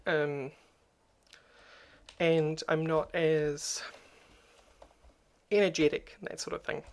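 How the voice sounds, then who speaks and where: This personal vlog features a YouTuber talking to camera slowly, in a crackly, medium-pitched voice with fairly even intonation. Their manner is subdued and hesitant, with ums coming often.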